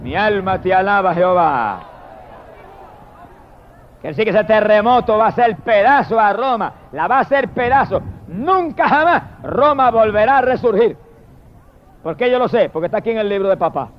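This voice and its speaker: A man preaching a fiery sermon, swinging from shouted hallelujahs to low murmured praise. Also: expressive, a little fast, slight background noise. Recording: dull lo-fi recording.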